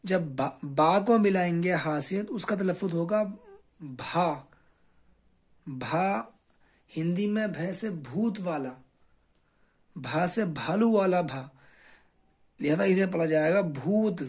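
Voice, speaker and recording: A man's voice: sits high, animated, a little mellow, slightly rough. A man teaching a beginner reading lesson, sounding out words one by one. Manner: slow, drawn-out word-by-word reading drills. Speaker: Urdu teacher.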